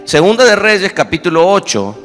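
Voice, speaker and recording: Bright-voiced preaching man, Rioplatense accent. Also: high voice, very animated, normal speed, big-room sound, soft background music. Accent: Rioplatense Spanish. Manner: storytelling that builds to impassioned shouting. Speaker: pastor. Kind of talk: sermon.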